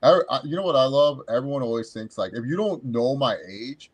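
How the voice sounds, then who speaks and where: A man's voice: medium pitch, animated, fairly quick. A man in his thirties co-hosting a sports podcast, rambling casually with crude jokes and frequent restarts. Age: 30s. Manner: rambling, crude, self-interrupting. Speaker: podcast co-host.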